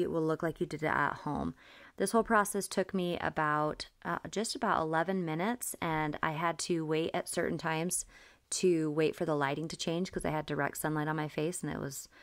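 A woman's voice: deep voice, vocal fry. A woman in her thirties casually talking through her makeup steps as she applies them, recorded on a phone inside a car. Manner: relaxed step-by-step explaining while applying makeup. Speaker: makeup vlogger. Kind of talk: casual makeup tutorial narration. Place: inside a parked car, daylight. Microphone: phone camera close up.

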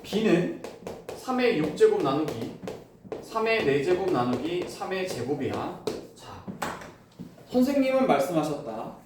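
A man teaching a classroom math lesson, explaining step by step and firing quick questions at his students. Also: high voice, animated, slight background noise. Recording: echoey room, voice from far off.

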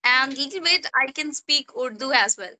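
Animated and forceful, her high, bright voice keeps a moderate pace. This young Indian English speaker from Jharkhand, a native Hindi speaker, is giving a casual English tutoring session on a video call from a small indoor room, holding the phone at arm's length and often adding "you know" and "right?".

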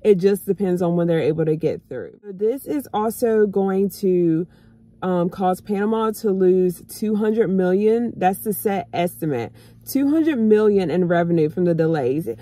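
A woman's voice: lowish voice, animated, unhurried, dark tone, no echo. Chatty woman vlogging from her car. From United States. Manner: chatty, addresses viewers as y'all. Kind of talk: casual chat to camera. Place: parked car, indoors. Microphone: phone camera on dashboard.

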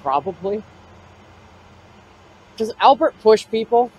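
A man hosting a paranormal investigation vlog outdoors, putting questions to spirits in a husky voice. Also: high-pitched, big pitch swings, slow pace, darkish tone, low-quality recording. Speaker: ghost-hunting vlog host. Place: outdoors in a cemetery at night.

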